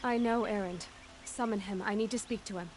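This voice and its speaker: An actress playing a determined, earnest young outlander huntress in a video game, speaking directly and seriously. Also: female voice, medium pitch, fairly even intonation, a little fast, a crowd in the background, close to an everyday voice. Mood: insistent.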